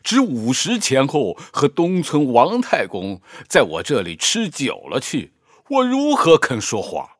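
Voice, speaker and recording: An actor playing a jovial older village innkeeper who teases in a slow, hearty way. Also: male voice, medium pitch, wildly swooping pitch, no room sound, studio quality. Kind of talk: audio drama acting.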